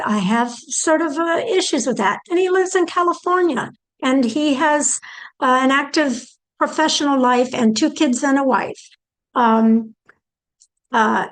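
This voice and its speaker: Older woman presenter, a touch high-pitched, methodical, thinks out loud in questions. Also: poor audio. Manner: poses questions aloud, walking through each step. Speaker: presenter on aging and care planning. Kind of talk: explanatory talk.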